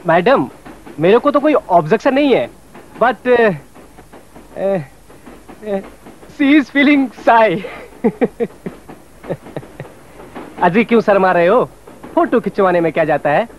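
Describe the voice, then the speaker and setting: A light-hearted village man who jokes and laughs nervously when he has to speak English. His voice sits high. The dull lo-fi soundtrack carries faint train noise. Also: lively intonation, takes it slowly, pauses often. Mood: sheepish. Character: easygoing village man, joking and shy with foreigners. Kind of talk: 1980s TV drama acting.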